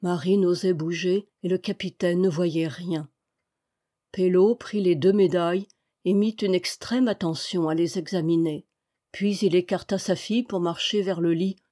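A woman reading a novel aloud with steady, expressive narration. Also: on the low side, normal speed. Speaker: audiobook reader.

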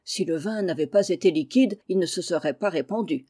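A woman's voice: fairly low pitch, brisk, dark tone, breathy edge. Woman voicing a good-humored old military uncle, teasing. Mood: jovial. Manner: cheerful and teasing. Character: jovial old general, an uncle.

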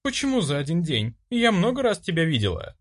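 Man putting on a high bossy young woman. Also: wildly swooping pitch, fairly quick, exaggerated voice. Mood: insistent. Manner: bossy, self-assured. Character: brash young woman, priest's daughter.

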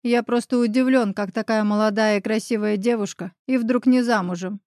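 A woman voicing a friendly, bearded new neighbor man who talks in a relaxed, teasing, persuasive way. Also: a little high, normal speed, no echo, studio quality, close to an everyday voice.

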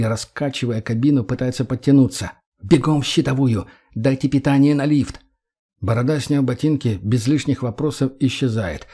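A man narrating a first-person audiobook in short, clipped, measured phrases. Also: mid-range voice, warm tone.

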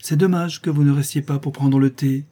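A man's voice: medium pitch, moderate pace, mellow, slightly rough, pitched above the performer's own voice, close to an everyday voice. A man voicing an earnest, sincere young orphan woman in a read-aloud novel, raising his voice for her.

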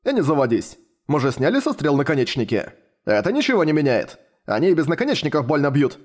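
A man voicing a calm, unflappable father in an audiobook. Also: fairly high pitch, fast. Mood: deadpan. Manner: deadpan.

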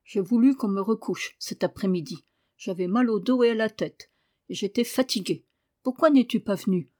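A woman's voice: medium pitch, moderate pace, a little mellow, natural voice. A woman reading aloud and voicing a sickly, spoiled young boy with a whiny, imperious way of complaining. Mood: petulant furious.

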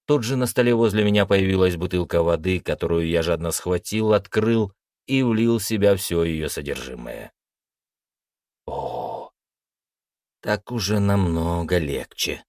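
A man narrating a first-person science-fiction story aloud in an expressive storytelling manner. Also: low-pitched, a little slow, no room sound, studio quality. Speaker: audiobook narrator.

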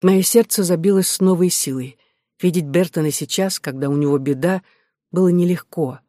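Guy reading an audiobook, kinda high voice, dry close mic. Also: normal speed, warm tone, dry recording. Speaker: audiobook reader. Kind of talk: first-person audiobook narration.

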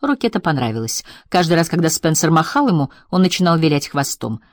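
A woman narrating an audiobook in a measured, even storytelling manner. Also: sits low, no echo, studio quality. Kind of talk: scripted narration.

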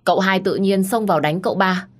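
A woman voicing a bold young servant girl who shouts and tattles in an audio story. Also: fast, close to an everyday voice. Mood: tattling. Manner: shrill, tattling.

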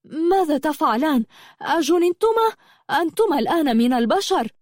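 A woman's voice: mid-range voice, expressive, normal speed, darkish tone, no room sound, clean studio sound, lightly acted. A woman reading an earnest young heroine. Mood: outraged. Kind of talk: audiobook character reading.

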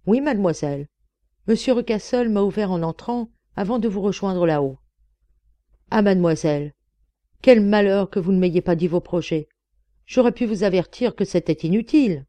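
A woman's voice: medium pitch, moderate pace, warm tone, dry recording, lightly acted. A woman voicing a frank, loyal older housekeeper who tells what she knows in an audiobook. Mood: earnest. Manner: earnest, confiding.

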